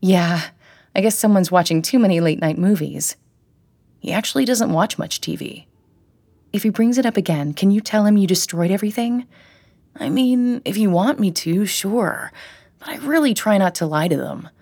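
A woman's voice: mid-range voice, animated, darkish tone, husky. A woman doing an easygoing male care worker. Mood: reassuring. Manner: easygoing, reassuring, brisk.

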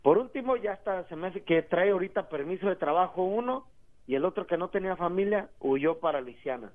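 A Mexican man calling into a radio show, telling a story in a slangy, animated way. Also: sits high, a little fast. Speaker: caller. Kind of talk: casual phone-in storytelling. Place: phone call into a radio show. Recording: tinny phone line.

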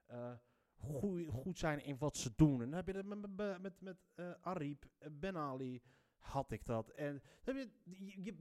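A man with a slightly raised pitch delivers a fired-up podcast monologue. He pushes his points hard, stumbles and restarts as his words rush out, and lifts his voice sharply when he stresses something. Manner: heated, emphatic, stumbling restarts. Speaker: podcast host.

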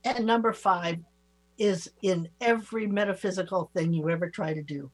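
A woman giving spiritual advice as a psychic on a talk show, informal, halting and reassuring. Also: lowish voice. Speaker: psychic reader and show co-host.

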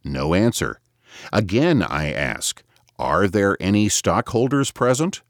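A man voicing an impudent, scornful old moneylender who calls out in a high, mocking voice, read as an audiobook. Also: huge pitch swings, unhurried, dry recording, clean studio sound, full character voice. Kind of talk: audiobook reading.

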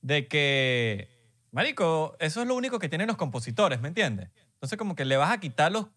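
A man's voice: fairly high pitch, very animated, brisk, fairly bright tone. A young man with a Venezuelan accent co-hosting a podcast in emphatic casual chat, peppered with slang fillers. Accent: Venezuelan Spanish. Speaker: podcast co-host.

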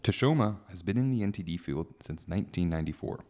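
A man hosting a podcast, reading scripted narration in a steady, even way. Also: low voice, fast talker, soft background music. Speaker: podcast host.

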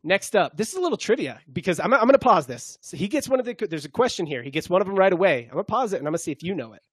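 A man's voice: sits high, very animated, rapid-fire, slightly rough, no room sound. A man hosting a casual sports podcast, rambling and making self-mocking jokes. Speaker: podcast host.

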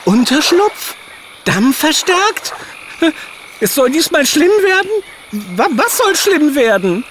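An actor playing Hugo, an excitable, fretful animal in a children's audio drama, talking in a rush of worry. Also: male voice, very high-pitched, slow pace, full character voice. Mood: eager. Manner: anxious, excitable, eager. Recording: audible background noise.

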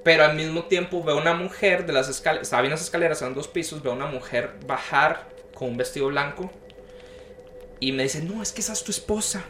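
Bright-voiced young man telling a dream story. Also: on the high side, a little fast. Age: young adult. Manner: animated storyteller acting out quoted voices. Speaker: podcast guest. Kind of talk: casual storytelling chat. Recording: echoey room with faint noise.

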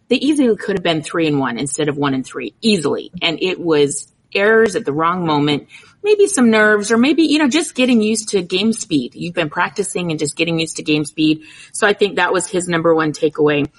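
A woman softball analyst on a sports talk show, chatty and enthusiastic. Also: lowish voice, low-quality recording.

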